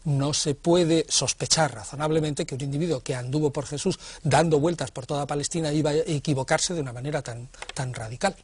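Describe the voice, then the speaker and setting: A man speaking as an expert guest in a studio discussion, explaining in a calm, precise way. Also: on the high side, a little fast, few pauses, breathy edge, no room sound.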